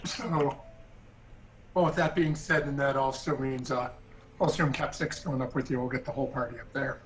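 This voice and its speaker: A man running a tabletop game as game master, narrating in a halting way with many fillers and restarts. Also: mid-range voice, fairly even intonation, slight background noise, rough recording.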